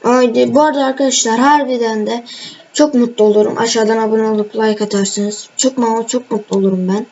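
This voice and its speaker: A woman's voice: fairly high pitch, fairly even intonation, brisk, darkish tone. A young woman casually commenting on her gameplay, talking straight to viewers and teasing the players she fights. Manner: chatty, teasing, addresses viewers directly. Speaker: gaming channel host. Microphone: screen-recorded voice mic. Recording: dull lo-fi home mic with faint noise.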